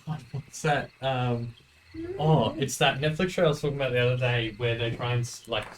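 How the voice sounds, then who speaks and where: Laid-back game master. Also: male voice, medium pitch, fairly quick, distant mic. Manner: relaxed, chatty storytelling. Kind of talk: running a live tabletop game.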